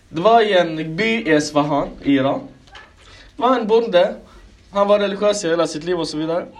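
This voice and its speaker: Guy preaching a sermon, pretty high voice, lots of questions thrown at the crowd, "brothers and sisters". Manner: asks listeners many rhetorical questions; addresses listeners as brothers and sisters.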